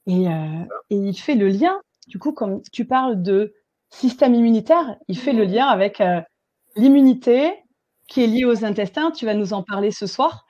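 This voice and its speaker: A woman's voice: mid-range voice, lively intonation, moderate pace, mellow, lo-fi sound. A woman hosting an online webinar, upbeat and a little hesitant, with many fillers. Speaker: webinar host.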